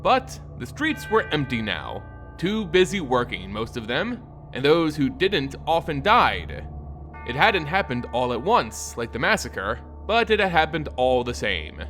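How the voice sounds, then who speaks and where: A man delivers a dramatic, scripted narration of a dark fantasy story, solemn and theatrical, with deliberate phrasing. His voice is medium-pitched and very animated, with soft background music underneath.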